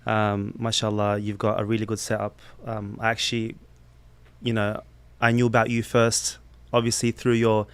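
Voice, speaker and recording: Smooth-voiced interview guest, dry studio. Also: male voice, fairly low pitch, completely flat delivery, normal speed, no echo. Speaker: guest, human rights activist. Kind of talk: podcast interview.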